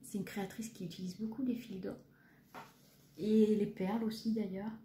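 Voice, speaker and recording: A woman in her thirties talks through her stitching projects in a rambling way, full of fillers and little jokes at her own expense. Her voice is mellow and soft in tone. The recording picks up an echoey room with a faint hiss behind her. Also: mid-range voice, fairly even intonation, normal speed. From France. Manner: chatty, hesitant, many fillers, self-deprecating. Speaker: cross-stitch vlogger. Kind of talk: casual show-and-tell chat.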